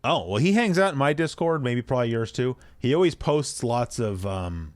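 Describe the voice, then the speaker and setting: A man's voice: mid-range voice, normal speed, no room sound. A man co-hosting a podcast, chatting casually and rambling a little as he reads listener mail. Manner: relaxed, rambling, reads listener emails aloud. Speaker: podcast co-host. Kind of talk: casual chat.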